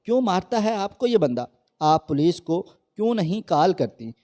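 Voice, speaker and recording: A man voicing a kind young male lawyer who speaks gently and reassuringly in a read-aloud story. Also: high-pitched, sing-song, moderate pace, pitched above the performer's own voice.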